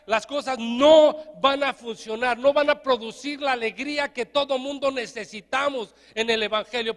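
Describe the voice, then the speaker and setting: A Mexican-accented man preaches in a very high, bright voice, animated and jokey. He keeps getting the congregation to repeat lines back to him. The sound carries a long church-hall reverb. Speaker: pastor. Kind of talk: lively sermon.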